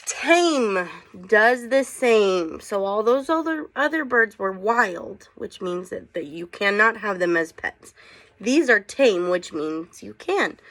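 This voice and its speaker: A teacher reads a picture book aloud to children in an animated, slightly bright mid-range voice. She goes unhurriedly, casually stopping to ask them questions along the way.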